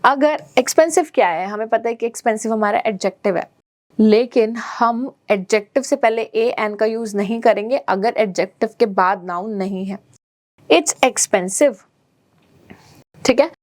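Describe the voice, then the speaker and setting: A woman teacher gives a grammar lesson to schoolchildren, speaking slowly and carefully in a fairly high voice. She moves between English and Hindi and checks her students' understanding often. The sound is close and dry, with no room echo. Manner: slow careful English, quicker Hindi explanations.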